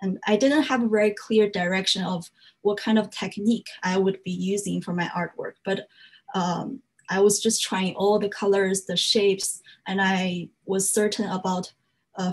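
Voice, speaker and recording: A young woman, a native Chinese speaker, talks a little slowly in a steady, mid-range voice during her earnest English slide presentation on her fiber art. Her speech has frequent "uh" fillers and grammar that is slightly non-native.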